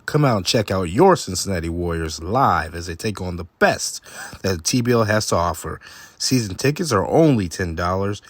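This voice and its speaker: A low-voiced man reads a promotional spot in a polished announcer delivery. The sound is dry and close, with no room around it. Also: expressive, normal speed, dry recording. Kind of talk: scripted promo read.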